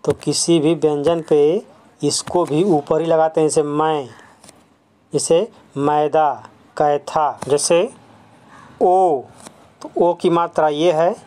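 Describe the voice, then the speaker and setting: A school teacher gives a classroom lesson on letters and sounds, explaining step by step at a slow, deliberate pace in a steady, mellow, middling voice. Each term is said twice with English words mixed in, and quick questions to the class are answered right away.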